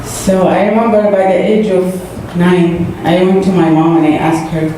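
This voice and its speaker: An Arabic-speaking woman from Saudi Arabia testifies to a congregation in a church hall, earnestly, haltingly, and with fillers. Her lowish voice has a flat delivery and a dark tone. The recording is distant and noisy, with echo from the hall.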